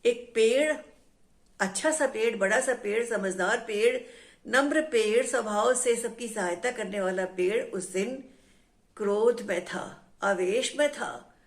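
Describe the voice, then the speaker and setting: Slow, lilting woman telling a children's story. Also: on the high side. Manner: rhythmic and repetitive, often laughing and asking the listeners questions.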